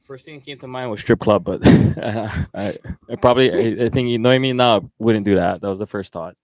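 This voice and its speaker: Deep-voiced laid-back island man. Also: brisk, darkish tone, no room sound, rough recording. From Wai'anae, Hawaii. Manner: laid-back, laughs easily, stumbles and repeats words. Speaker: podcast host. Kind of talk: casual chat. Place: small studio room.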